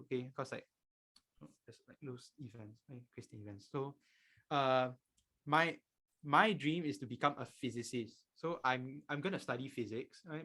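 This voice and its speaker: A nineteen-year-old Malaysian-accented physics tutor runs an informal online class, speaking emphatically and repeating his key points. His voice sits at medium pitch with a fairly bright tone.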